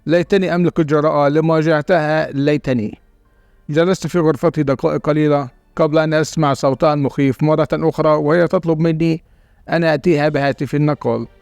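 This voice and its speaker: A man narrating a dramatic first-person story in a steady reading voice. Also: on the high side, fast, gravelly, no room sound, faint music behind.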